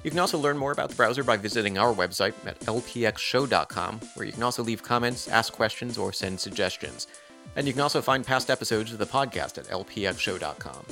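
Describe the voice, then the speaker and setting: Deep-voiced male podcast host. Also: animated, bright, forceful tone, soft background music. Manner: measured, explains points at length. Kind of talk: interview and scripted podcast outro.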